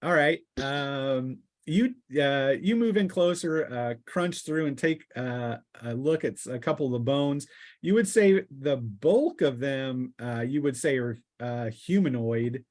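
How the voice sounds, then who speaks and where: A man acts as game master for a tabletop roleplaying game, narrating on the fly in a faltering way with pauses inside his sentences. He speaks at a medium pitch, expressively, with a darkish tone.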